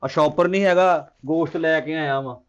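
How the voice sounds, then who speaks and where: A man's voice: a little high, brisk, muffled recording, lightly acted. A man, playing a doting younger brother in a comedy sketch who soothes his older brother and orders his wife around. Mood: soothing. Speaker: comic actor. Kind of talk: slapstick sketch acting.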